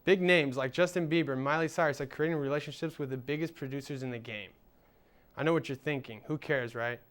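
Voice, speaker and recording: With a mid-range voice and a quick pace, a young adult man presents a student show, reading lively scripted links and chatting with a guest in an interview.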